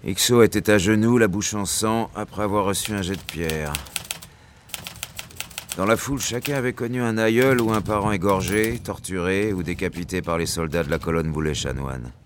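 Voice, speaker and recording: A man's voice: sits low, normal speed, a little hiss or hum, natural voice. An actor playing a novelist who narrates his adventure tale in literary style for a radio drama. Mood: grave.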